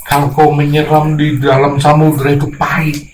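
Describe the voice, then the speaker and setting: A man preaching a sermon to a congregation, scolding bluntly, his voice dropping to hushed tones and then rising to loud outbursts. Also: fairly high pitch, flat delivery, normal speed, reverberant, slight background noise, rough recording.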